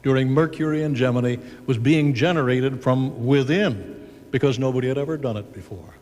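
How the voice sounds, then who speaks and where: A man moderating a panel, narrating history to an audience with measured, dramatic emphasis. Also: mid-range voice, a little mellow. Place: large auditorium at a symposium. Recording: long reverb of a big hall.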